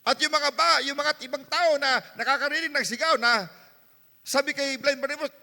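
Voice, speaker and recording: A Filipino-accented male pastor preaches with fervour, his voice pitched unusually high and ringing very bright. He drops to hushed tones and then surges into shouting. The sound trails off in the long reverb of a church hall. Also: moderate pace, gravelly. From Philippines. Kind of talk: sermon.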